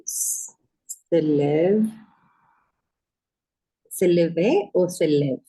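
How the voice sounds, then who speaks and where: A woman's voice: low-pitched, drawn-out words, warm tone, breathy edge, poor audio. A woman student in a language class, tentatively repeating forms back to her teacher.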